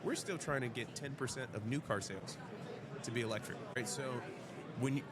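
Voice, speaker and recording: A man's voice: mid-range voice, fairly quick. A man speaking as a guest on a panel at a convention showroom floor, thoughtful and often adding "right?" at the end of a point. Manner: thoughtful, frequent "right?" tags. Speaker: guest, fleet charging developer. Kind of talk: panel discussion. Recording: crowd chatter behind. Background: crowd of convention visitors.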